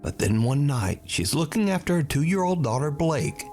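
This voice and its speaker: A man's voice: fairly high pitch, sing-song, moderate pace, a little mellow. A man narrating a paranormal compilation in a scripted, ominous way. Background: music under the narration.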